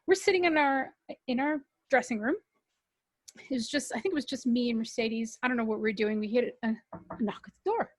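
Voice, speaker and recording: A woman from Canada tells a story as a podcast guest, her voice pitched high for a woman. She is animated and swears freely, and she slips into quoted voices as she talks. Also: a little fast, no echo. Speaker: guest musician. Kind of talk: casual storytelling.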